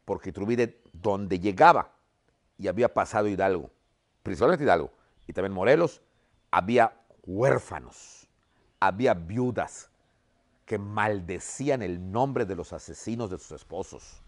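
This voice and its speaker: This history teacher has a deep voice and takes his time, retelling events in a lively, colorful way. Again and again he drops in "¿ok?" to make sure the class is following.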